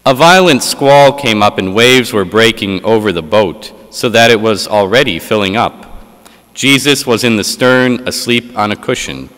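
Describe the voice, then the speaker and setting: A priest with a somewhat low voice reads the gospel and then preaches, pausing on filler sounds as he gathers his thoughts. His words hang in the long echo of a large church. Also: a bit bright. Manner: measured reading, then unscripted preaching with frequent uh fillers. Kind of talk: gospel reading and homily.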